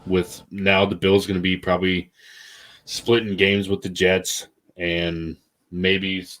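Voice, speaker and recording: A man's voice: low voice, level tone, slow pace, fairly bright tone, rough recording. A man co-hosting a casual sports podcast, running through his team's moves with lots of hesitant fillers. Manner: hesitant, filler-heavy listing. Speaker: podcast co-host, team fan.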